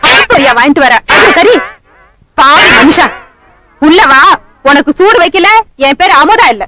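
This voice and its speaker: A nagging, exasperated wife. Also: female voice, high voice, animated, moderate pace, sharp tone. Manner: nagging, scolding. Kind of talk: film comedy dialogue.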